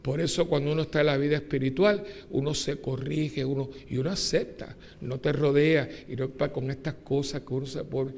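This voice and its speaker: A man, a priest giving a lively homily at mass, joking and asking his congregation rhetorical questions. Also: a little high, normal speed, vocal fry, few pauses. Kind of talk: sermon. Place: church during mass.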